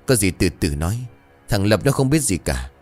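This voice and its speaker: A man voicing an older village man who tries to calm others in a spoken ghost story. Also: sits low, moderate pace, soft background music. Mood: placating.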